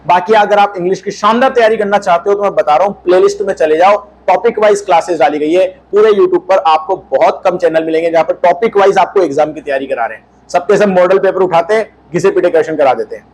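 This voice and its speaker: A man's voice: sits high, a little mellow, a little hiss or hum, poor audio. A man with a Hindi accent teaching English grammar for an exam, asking questions and answering them himself. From India. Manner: drawn-out question and answer, repeats his own questions. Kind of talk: exam-prep lesson.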